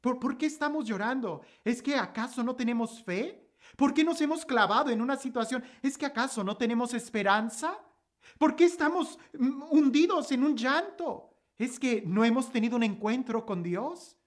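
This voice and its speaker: A woman with a slightly high, lively voice delivers a sermon-style gospel reflection at normal speed. She poses rhetorical questions again and again, swinging from emphatic statements to hushed, soft lines.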